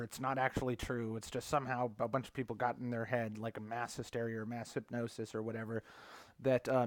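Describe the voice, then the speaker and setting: A man's voice: medium pitch, no echo. A man reading an article aloud and mocking it in a sarcastic, profane commentary, often breaking off to scoff. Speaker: commentary vlogger.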